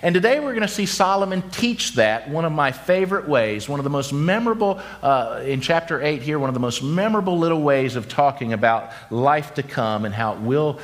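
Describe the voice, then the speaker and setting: Animated man in his fifties preaching. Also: on the high side. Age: 50s. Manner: animated storytelling, slows for emphasis. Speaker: pastor. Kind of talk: sermon.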